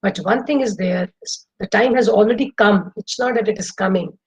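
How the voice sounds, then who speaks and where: A woman's voice: mid-range voice, normal speed, slight background noise, rough recording. A middle-aged woman with an Indian English accent, giving an enthusiastic webinar talk to students over a video call. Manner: lively, enthusiastic lecturing with demonstrations. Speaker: guest speaker.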